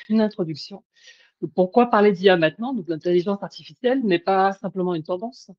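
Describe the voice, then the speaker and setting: A woman's voice: lowish voice, a little mellow, no room sound. A woman presenting a webinar over a video call, hesitant, with many fillers and restarts. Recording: dull lo-fi call audio.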